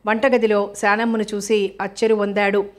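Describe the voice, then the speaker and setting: Woman, audio novel narrator, flat monotone, medium pitch. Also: normal speed.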